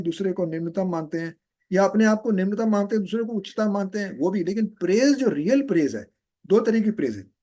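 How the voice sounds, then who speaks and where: A man's voice: high-pitched, warm tone. A man explaining a sacred text in a live class, patient and often checking that his students follow. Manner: patient, keeps asking "है?" to check understanding. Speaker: teacher of scripture. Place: online live session. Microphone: video call.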